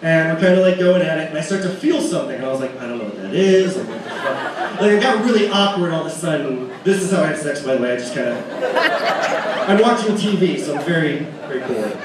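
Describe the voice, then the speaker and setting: Young guy doing standup, highish voice, loose crude storytelling, echoey club mic far off. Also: animated, fast talker, very noisy. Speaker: stand-up comedian. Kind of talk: stand-up comedy set. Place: comedy club stage.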